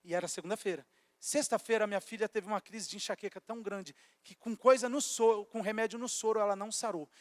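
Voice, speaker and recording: A young man preaches with passion, telling his story in hushed tones and then rising to shouted calls. His voice is unusually high for a man. The sound carries a long reverb from a church hall. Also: fairly even intonation, fast talker. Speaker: youth pastor. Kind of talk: sermon with personal testimony.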